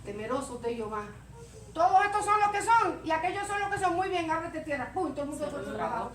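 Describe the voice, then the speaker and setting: A woman delivers a sermon in a very high, bright-edged voice, acting out stammers and little scenes. She sounds distant from the mic, with church echo and a faint hiss behind her. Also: fast. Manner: animated, acts out stammering and scenes. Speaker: preacher. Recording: echoey church room, mic far off, faint noise.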